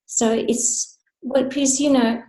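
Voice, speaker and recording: A woman's voice: sits high, steady tone, slow pace, mellow, roomy sound, rough recording. An older woman chatting on a video call as a guest, rambling and repeating her words. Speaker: guest speaker. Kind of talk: casual video call chat.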